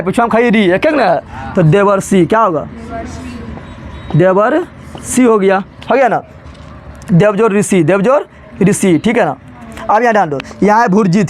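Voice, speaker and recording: A man teaching a grammar lesson to students. He keeps asking a question and then answering it himself, in casual, familiar Hindi. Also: high-pitched. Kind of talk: classroom-style lesson with call-and-response questions.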